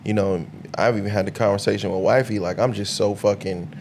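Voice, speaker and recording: A man co-hosting a podcast, trading animated, profane opinions in a casual group debate. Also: lowish voice, fairly quick, a little hiss or hum. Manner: animated, profane, acts out quoted people. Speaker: podcast co-host.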